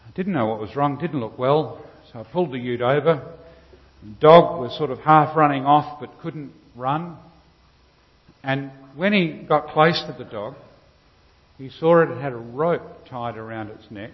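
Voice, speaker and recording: A man with an Australian accent preaching a sermon with storytelling, unhurried, pausing between short phrases. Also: mid-range voice. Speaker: Lutheran preacher. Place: large reverberant church. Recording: long cathedral-like reverb, slightly dull sound.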